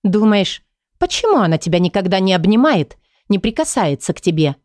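A woman reading the lines of a calm, persistent female psychologist in an audiobook. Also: medium pitch, a little fast, no room sound, clean studio sound, natural voice. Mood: insistent.

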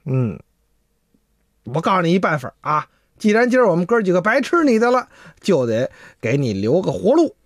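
A man's voice: high voice, sing-song, moderate pace, dry recording, clean studio sound. Man voicing a lecturing male loach spirit, storyteller's bossy folk-tale demon. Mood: scolding.

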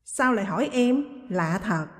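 A woman reading a story aloud, voicing a cheeky, sharp-tongued younger sister who talks back, with a long reverb on the recording. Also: medium pitch, lively intonation, normal speed, lightly acted. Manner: cheeky, retorting.

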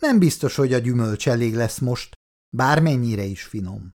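A male audiobook reader playing a calm, wary retired army colonel and father who speaks in a dry, guarded, lightly joking way. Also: mid-range voice, natural voice. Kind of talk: audiobook character voice.

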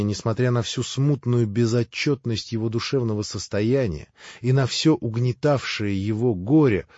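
A man reading a classic novel aloud with measured, expressive narration. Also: mid-range voice, no room sound. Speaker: audiobook narrator. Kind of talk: literary audiobook narration. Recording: dry, slightly dull lo-fi.

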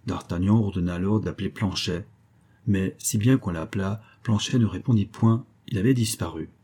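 A man reading a classic novel aloud as audiobook narration, in a steady, measured way. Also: low voice, husky. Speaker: audiobook reader.

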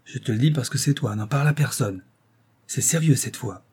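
Brief: male narrator as a careful, fretful husband, husky, mellow. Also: medium pitch, moderate pace. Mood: confiding. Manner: earnest, confiding, fretful. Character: cautious, secretive middle-aged husband, an office clerk. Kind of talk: audiobook character reading.

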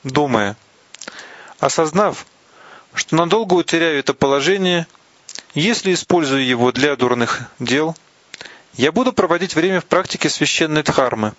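A man giving a slow, deliberate reading of a religious text, pausing between phrases and sometimes restarting a word. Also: a little high, a bit bright. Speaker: reader of Buddhist teachings. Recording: dull, lo-fi, dry recording.

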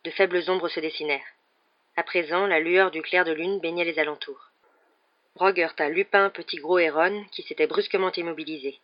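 An audiobook narrator reading a novel aloud in a steady, dramatic way. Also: medium pitch, a little fast, dull audio.

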